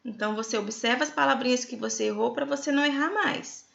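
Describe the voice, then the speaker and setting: A woman's voice: on the high side, quick pace, gravelly, fairly bright tone. A middle-aged Brazilian woman with a Brazilian Portuguese accent, explaining a lesson to students in a chatty way and often checking that they follow. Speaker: writing teacher. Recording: echoey room, slightly dull sound.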